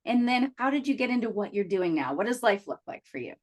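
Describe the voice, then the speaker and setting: A woman's voice: on the high side, sing-song, quick pace. A woman hosting a podcast interview who speaks with eager enthusiasm and often fills her sentences with "you know". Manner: enthusiastic, warm welcome with frequent "you know" fillers. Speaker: podcast host.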